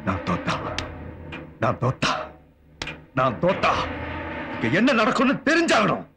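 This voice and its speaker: An enraged, defeated politician. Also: male voice, a little high, wildly swooping pitch, a little slow, gravelly, exaggerated voice. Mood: raging. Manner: shouting, scornful, commanding. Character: furious defeated male politician, ordering violence. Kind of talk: film drama acting.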